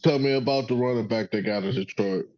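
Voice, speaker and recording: A man's voice: fairly low pitch, fast, darkish tone, no echo, muffled recording. A man hosting a casual sports podcast, rambling and profane, joking with his son over a call. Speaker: podcast host.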